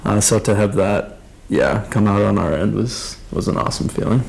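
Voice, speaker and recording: A man's voice: on the low side, moderate pace, gravelly, darkish tone, rough recording. A young man from Arizona who plays college football, answering politely in an interview. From Phoenix, Arizona. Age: 20s. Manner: polite, says yes sir. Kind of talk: casual interview.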